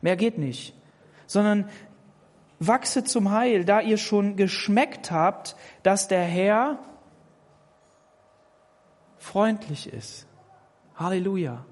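A preacher's mid-range, darkish voice rings through a large church hall with long reverb as he delivers an emphatic sermon. He goes slowly and pauses often, speaking to each listener personally and repeating words to drive points home.

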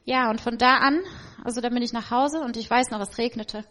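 A woman's voice: fairly high pitch, steady tone, fairly quick, a bit bright. A woman with children telling her personal faith testimony in an emotional, reflective way. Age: adult with children. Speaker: testimony speaker.

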